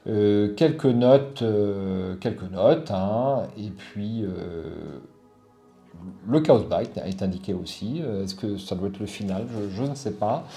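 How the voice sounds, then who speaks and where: Reviewing a product casually for his board game channel, a middle-aged host speaks in a mellow, lowish voice. He sounds hesitant, his talk full of fillers and restarts.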